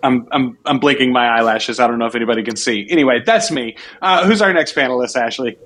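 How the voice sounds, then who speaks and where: A man's voice: medium pitch, quick pace, a bit bright. A man of forty hosting a panel discussion in a casual, conversational way. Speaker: podcast co-host and panel moderator.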